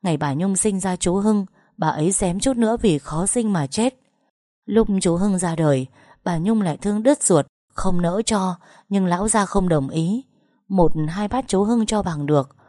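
A woman's voice: mid-range voice, moderate pace, dark tone, dry recording, clean studio sound, close to an everyday voice. A woman voicing an older female servant in an audio story, tearfully pleading as she confesses.

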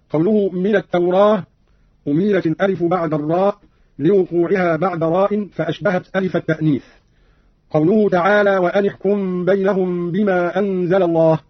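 A man with an Egyptian accent giving a formal, measured radio lesson that quotes short phrases and explains them. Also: sits high, no room sound. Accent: Egyptian Arabic. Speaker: radio presenter explaining recitation variants. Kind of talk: scripted instructional narration. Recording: dull lo-fi old radio recording.

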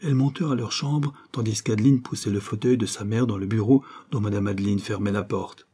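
A man reading a novel aloud in a measured storytelling manner as an audiobook narrator. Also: lowish voice, fairly even intonation, mellow, breathy edge.

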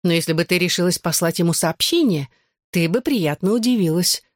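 A cheeky teenage girl from a storybook, teasing her best friend with a coaxing, playful lilt, as a woman reader puts her on. The voice sits a touch above the reader's own low tone. It is close and dry, with no room sound. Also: animated, brisk, no echo.

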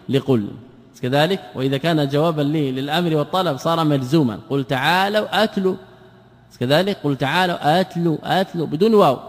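A man, a sheikh, giving a classroom lesson, explaining points by asking and answering his own questions. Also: fairly high pitch. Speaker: sheikh teaching a text. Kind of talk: classroom lesson on creed and grammar. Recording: long hall reverb.

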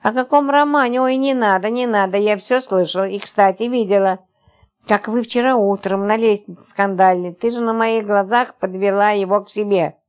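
A woman's voice: medium pitch, moderate pace, smooth, lightly acted. A woman reading the part of a nosy, teasing young female neighbor who loves gossip. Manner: teasing, playful.

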